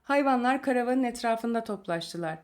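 A woman narrating a novel chapter aloud in a calm, measured storytelling manner. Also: on the high side. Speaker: audiobook narrator.

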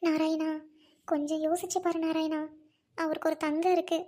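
A woman playing a gentle, grieving widowed elder sister who speaks softly and pleads with her younger brother. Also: very high-pitched, level tone, normal speed. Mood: worried.

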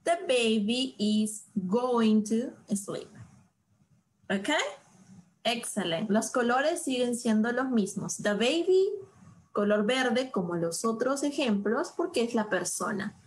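Woman teacher for an online lesson, a little high-pitched, slow and deliberate, playful and expressive, models each sentence carefully. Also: low-quality recording. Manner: slow, drawn-out modeling of example sentences, asks students questions. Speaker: English teacher. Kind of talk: live online English lesson.

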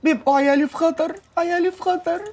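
Frantic high-voiced Egyptian mother, rapid lamenting, TV comedy. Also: fairly even intonation, darkish tone. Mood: fretful. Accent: Egyptian Arabic. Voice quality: wailing, lamenting. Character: anxious middle-aged Egyptian mother of many sons.

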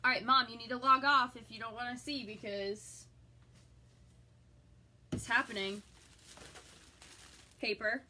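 A woman's voice: a little high, fairly even intonation, measured pace, long pauses, pushed and bright, a little hiss or hum. A middle-aged woman chatting with viewers as she unboxes a subscription box, enthusiastic and reacting aloud. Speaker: vlogger reviewing a subscription box. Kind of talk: live unboxing chat with viewers.

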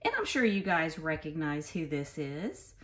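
In a low voice and at a measured pace, a woman reads aloud from a picture book to young kids. She speaks carefully and expressively, teacher-style, with side explanations and questions.

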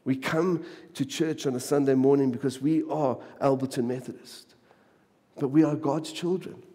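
A pastor preaching a sermon, repeating phrases for emphasis and dropping to a hush on key lines, from South Africa. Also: male voice, medium pitch, steady tone, normal speed, slightly rough. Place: church sanctuary. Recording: long church reverb.

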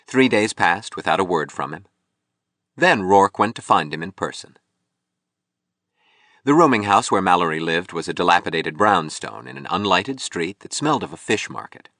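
A man narrating an audiobook novel in a measured, expressive storytelling manner. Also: low voice, no echo, studio quality.

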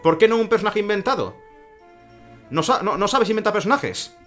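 A man with a Spain Spanish accent comments on a video game as he plays, sarcastic and quick to swear. His voice sits a little on the high side for a man. Faint game music plays behind him. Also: lively intonation, fairly bright tone. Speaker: let's play commentator. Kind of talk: gameplay commentary.

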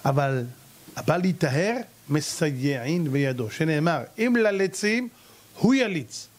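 Rabbi, male, lively storytelling sermon; high voice with big pitch swings, acts out characters. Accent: Israeli Hebrew. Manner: animated, acts out characters and cries out.

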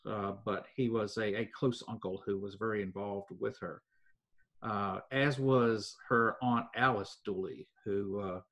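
An older man, telling local history in an interview at an even pace with many fillers. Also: lowish voice. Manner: measured storytelling with frequent fillers. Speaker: foundation president, guest.

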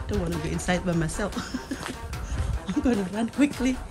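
A woman in her thirties vlogs from a hillside trail into a phone held at arm's length, chatting in a loose mix of two languages. She sounds a little winded from the uphill walk, at a middle pitch. Music runs clearly under her voice. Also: lively intonation, takes it slowly. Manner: chatty, mixes two languages, breathless from climbing. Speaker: travel vlogger. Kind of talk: casual vlog chat. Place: outdoors on a mountain trail. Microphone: phone camera at arm's length. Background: background music.

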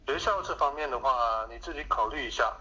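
A man talking over the phone in a brusque, impatient way, like a broker pitching a service. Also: fairly quick, a loud crowd. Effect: heard over the phone. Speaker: college admissions broker taking a phone call. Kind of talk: phone conversation, giving a sales pitch. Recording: muffled noisy phone line.

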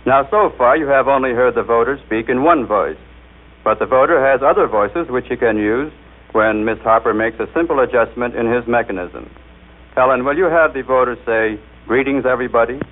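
A man's voice: mid-range voice, a little fast. An American man presenting a formal scripted demonstration with careful, showmanlike enunciation. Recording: tinny, band-limited 1930s radio recording.

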